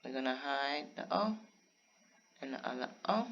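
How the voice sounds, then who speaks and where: A man casually narrating a step-by-step craft software tutorial, talking straight to his viewers. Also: mid-range voice, lively intonation, normal speed, creaky, lo-fi sound. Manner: casual step-by-step explaining, talks to viewers directly.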